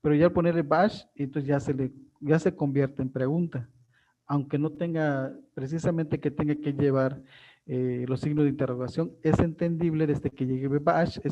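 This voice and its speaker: A male teacher explains a live online class, pausing often with fillers and restarts. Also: a little high, mellow, rough recording.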